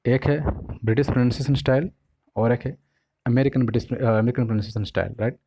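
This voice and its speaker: An Indian-accented man explains English pronunciation in a relaxed teaching tone, switching between Hindi and English. His voice is warm and low-key, recorded dry. He often pauses to break words into syllables and checks in with "ठीक है?". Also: no echo, low-quality recording. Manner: mixes Hindi and English, keeps asking "ठीक है?"; spells and repeats words slowly by syllable. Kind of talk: casual classroom-style explanation.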